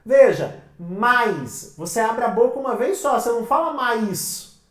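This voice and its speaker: A woman's voice: on the high side, animated, fast, a little mellow. A woman with a Brazilian Portuguese accent giving an exam-prep lecture, asking her class questions and answering them herself. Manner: calls the listeners "minha gente". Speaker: teacher. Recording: roomy sound from a distant mic.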